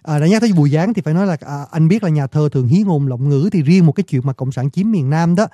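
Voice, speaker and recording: Fast-talking radio host man. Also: on the high side, mellow, dry recording, clean studio sound. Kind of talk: radio talk show conversation.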